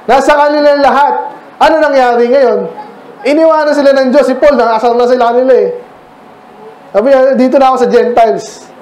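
A man's voice: very high voice, steady tone, a little fast, darkish tone, reverberant, poor audio. A man with a Filipino accent preaching a sermon as pastor, talking with the congregation and asking them questions. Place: church.

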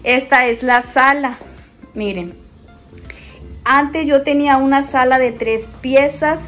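A woman's voice: sits high, slow pace, a bit bright, faint music behind. Chatty woman giving a home tour. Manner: chatty, addresses viewers as friends, walking while filming. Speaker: vlogger. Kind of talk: casual house tour vlog. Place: small home indoors. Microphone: phone held in hand.

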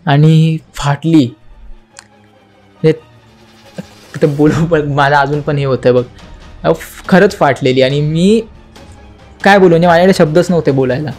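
A man's voice: a little high, unhurried, long pauses, darkish tone, faint music behind. Young man telling a spooky story dramatically. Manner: dramatic retelling, acting out quotes and knocking sounds; mixes English words into his speech. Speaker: podcast guest.

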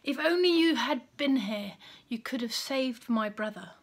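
A woman voicing a grieving, tearful woman in a children's storybook reading, pleading in a high voice. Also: lively intonation, a little slow. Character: grieving, sobbing woman, Martha.

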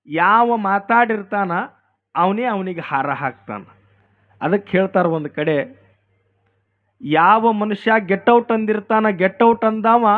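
A man with a North Karnataka Kannada accent telling a devotional story in a sing-song, emphatic manner, repeating his phrases. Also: high voice. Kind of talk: religious storytelling discourse. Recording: tinny phone-like sound, faint accordion. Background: faint accordion music.

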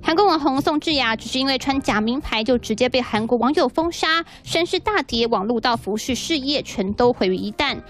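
A woman's voice: high-pitched, lively intonation, fairly quick, few pauses, faint music behind. A woman with a Taiwanese Mandarin accent reading scripted news narration as a reporter.

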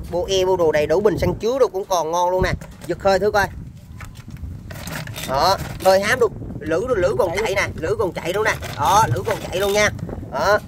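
A high-voiced man with a Southern Vietnamese accent gives a casual sales pitch for used machines. His patter is chatty and repetitive, and there is clear ambient noise in the recording. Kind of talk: informal live sales demonstration.

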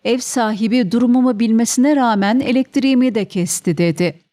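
A woman's voice: fairly high pitch, brisk, warm tone. A woman reporter reading scripted news narration as a voice-over.

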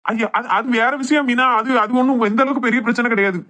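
A woman's voice: a little high, steady tone, fast, fairly bright tone, close to an everyday voice. A woman playing a hesitant Kanyakumari husband. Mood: placating. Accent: Kanyakumari Tamil. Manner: hesitant, placating. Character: sleepy, indecisive young husband and brother.

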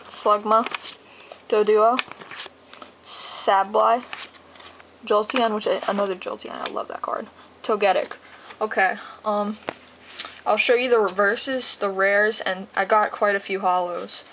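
Teenage girl, casual unboxing chat, fast-talking, rambling, excitable, mid-pitched voice. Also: slight background noise, low-quality recording. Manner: gushing, excitable. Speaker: card collector vlogger.

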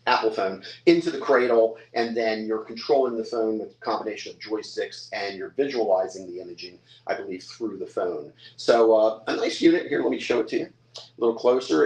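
A man's voice: lowish voice, darkish tone. Older man auctioneering in an echoey room. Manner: chatty salesman patter with bid calling. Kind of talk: live-stream auction pitch. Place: hotel room or lounge, indoors.

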